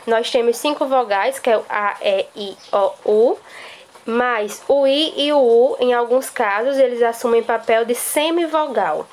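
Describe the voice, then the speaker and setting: Lady teacher, kinda high voice, patient, keeps repeating stuff so the kids get it. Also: measured pace, a little mellow. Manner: patient, explanatory, repeats key points. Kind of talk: recorded classroom lesson.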